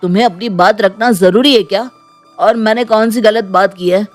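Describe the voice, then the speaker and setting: A man's voice: high-pitched, fairly even intonation, normal speed, soft background music, lightly acted. Man voicing an exasperated young husband. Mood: defensive. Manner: complaining, defensive.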